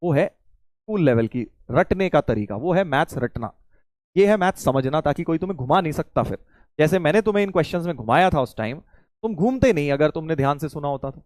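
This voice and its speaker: A man teaches maths to an online class in a high voice that rises and falls a lot. He is playful and teasing with his students and drags out key steps slowly. The sound is dry, with no room echo. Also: lively intonation, darkish tone. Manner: slows right down to spell out steps.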